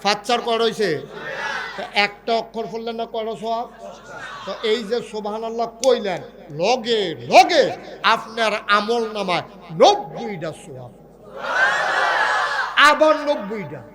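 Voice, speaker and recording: A high-pitched man preaches to a crowd, breaking into sing-song chanting. He keeps firing questions at his listeners and teases them between lines. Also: expressive, a little slow, background noise. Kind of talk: humorous sermon to a crowd.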